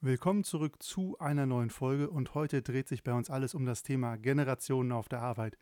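A man's voice: mid-range voice, a little fast. Man in his thirties hosting a podcast. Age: 30s. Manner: relaxed, chatty questioning with fillers. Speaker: podcast host. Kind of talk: podcast interview.

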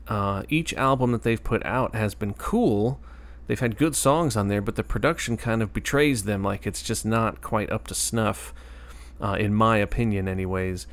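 A man hosting a music show in casual, conversational commentary, his tired, dry-throated voice carrying some vocal fry. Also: fairly low pitch.

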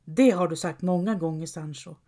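A woman reading a firm, dreamy old-style knight who keeps coaxing his friend onward. the voice is mellow and warm. a storybook reading with a calm pull. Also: lowish voice, lightly acted. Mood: chiding. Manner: coaxing, urging. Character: encouraging dreamy male knight, steady and firm.

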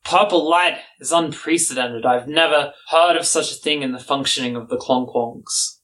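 A man's voice: fairly high pitch, normal speed, a bit bright, lightly acted. A man playing an agitated supernatural envoy in a tabletop game, emphatic and urgent as he hands out missions. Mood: grave, urgent. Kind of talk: tabletop role-play acting.

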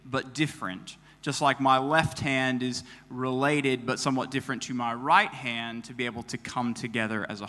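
A man's voice: medium pitch, bright, forceful tone. A man preaching a conversational sermon in an explanatory way, in a church hall. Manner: explanatory, rhetorical questions. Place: church hall, live before a congregation. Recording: long reverb of a hall.

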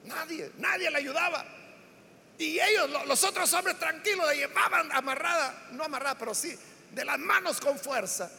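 A man preaches a sermon in a high, bright voice, stacking repeated phrases and pushing into shouts on the words that matter. A gravelly fry roughens his lower notes. The voice rings out with a long reverb off a large church hall. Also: normal speed, slight background noise. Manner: emphatic, rising into shouts on key words; builds lists with repeated phrases.

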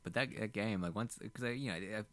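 A man's voice: lowish voice, quick pace. A man co-hosting a podcast in casual chat, blunt, sweary and often incredulous. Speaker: podcast co-host.

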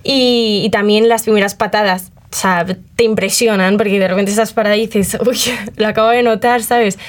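A woman's voice: medium pitch, steady tone, normal speed. A young woman talks easily as an interview guest. She fills her speech with little fillers and brings other people's remarks to life as she goes. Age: 20s. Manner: chatty, uses many fillers, acts out quoted remarks. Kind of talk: casual conversational interview.

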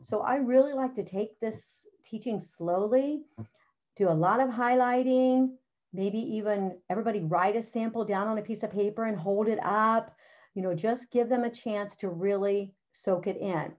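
Medium in pitch, moderate in pace and a little mellow, a middle-aged woman teacher talks colleagues through a writing lesson. It's a practical, chatty curriculum walkthrough where she often says "all right" and "okay," recorded with a slightly dull, lo-fi quality.

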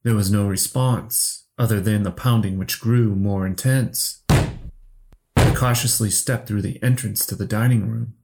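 A man narrating a horror story slowly and steadily for a podcast. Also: on the low side, fairly even intonation, vocal fry, very noisy. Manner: slow, measured storytelling.

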